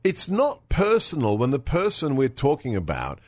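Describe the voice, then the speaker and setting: A male talk radio host chatting about politics in an animated, sarcastic, incredulous manner. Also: medium pitch, normal speed, dry recording.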